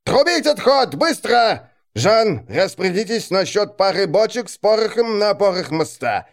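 A man's voice: high-pitched, animated, normal speed, pitched above the performer's own voice. A man playing a sardonic, mock-polite adjutant. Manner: coolly ironic, mock-polite. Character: dry, sardonic male adjutant. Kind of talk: audiobook character reading.

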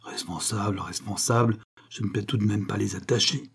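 A man's voice: fairly low pitch, steady tone, fast talker, gravelly, slight background noise. A man voicing a defensive middle-aged male construction boss in a storybook reading.

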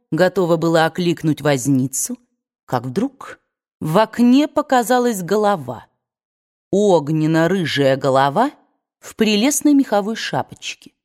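Low-voiced woman reading a novel. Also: darkish tone. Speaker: audiobook narrator. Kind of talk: scripted narration.

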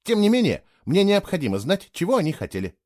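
Man playing an indignant young hero, a little higher than your own voice, insistent and clipped. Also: big pitch swings, brisk, a little mellow. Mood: earnest. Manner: irritated, insistent, sulky. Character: indignant young man, stranger lost in a strange world.

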